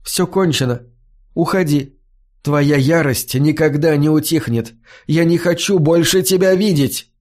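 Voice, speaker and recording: A man voicing a gentle young female singer in an audiobook, pleading and then firm. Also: a little high, a little slow, natural voice. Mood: stern, angry. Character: gentle young woman singer, later stern.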